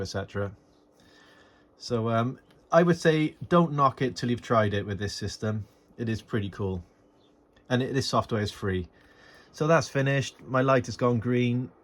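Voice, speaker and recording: Recorded on a phone with noticeable noise, a middle-aged man explains amateur radio step by step as he works, off the cuff, informal and eager. His voice is lowish but fairly bright in tone.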